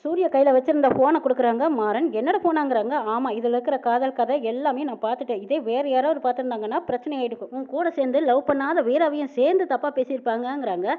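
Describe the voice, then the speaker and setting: A woman quickly retelling a TV serial episode, reporting each character's lines one after another with a tag of who said them. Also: high voice. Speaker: serial recap narrator. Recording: narrow phone-like band.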